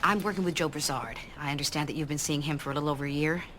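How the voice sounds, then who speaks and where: A woman's voice: low-pitched, racing, noisy background, natural voice. An actress playing a blunt, dry-witted older woman, a social worker and grandmother. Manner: blunt, wry.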